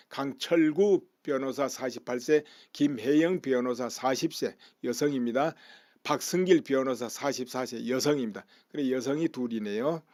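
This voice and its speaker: A man in the middle of his pitch range talks through a legal news story in a plain, methodical way. He keeps asking the listener rhetorical questions. His voice is recorded close and dry, with no room sound. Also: darkish tone, no room sound. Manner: explanatory, poses rhetorical questions. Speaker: political commentator. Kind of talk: news commentary monologue.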